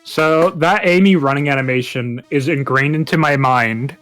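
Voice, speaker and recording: A man's voice: a little high, a bit bright, faint music behind. A man chatting casually on a game stream, joking and laughing often. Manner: jokey, laughs a lot, quick asides. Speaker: stream guest.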